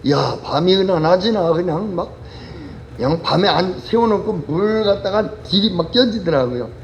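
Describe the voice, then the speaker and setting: A male pastor preaching a Sunday sermon, telling parables with lively storytelling. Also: sits high, moderate pace, a little hiss or hum. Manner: animated storytelling with vivid voice changes.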